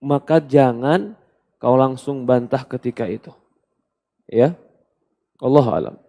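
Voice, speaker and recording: A man delivers a question-and-answer sermon in a mellow, gravelly voice. He builds to loud, animated points and then falls quiet to quote gentle advice. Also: mid-range voice, a little slow. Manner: animated, rising to emphatic bursts then dropping to soft quoted asides. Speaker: Islamic preacher answering questions. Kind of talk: sermon, Q&A lecture.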